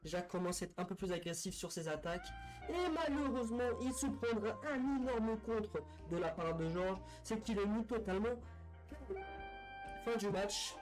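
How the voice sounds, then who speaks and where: A man's voice: high voice, moderate pace, low-quality recording. A man telling a sports history story in a casual, unscripted way, with a lot of fillers and restarts. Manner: hesitant, full of fillers and restarts. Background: faint music.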